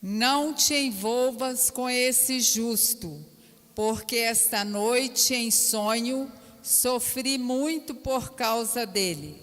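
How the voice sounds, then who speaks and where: A woman reading the part of Pilate's troubled wife in a liturgical Passion reading, slow and pleading. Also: a little high, a bit bright. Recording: echoey church hall.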